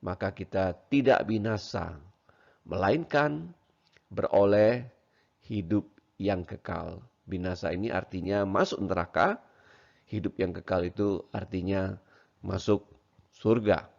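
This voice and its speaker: Slow, gravelly male teacher. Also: low-pitched, darkish tone. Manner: explains word by word, adding "ya" often. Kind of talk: Bible verse lesson for children. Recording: dull lo-fi recording.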